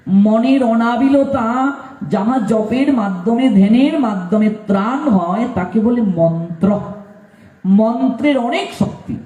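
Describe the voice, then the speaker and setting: A male preacher gives a devotional sermon full of rhetorical questions and exhortation. His voice is high but mellow and dark. The sound is roomy and echoey, picked up from some distance. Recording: echoey room, mic at a distance.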